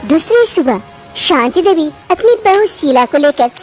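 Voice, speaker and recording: A woman narrating a family story in a plain, steady storytelling way. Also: high voice, measured pace. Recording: faint music underneath.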